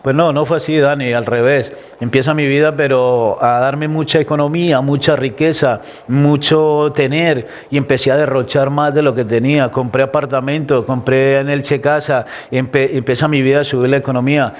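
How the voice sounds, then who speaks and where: Speaking at a moderate pace with a steady tone, medium pitch and few pauses, this interview guest from Colombia recounts his personal story. His Colombian Spanish accent carries emotional, reflective storytelling full of restarts.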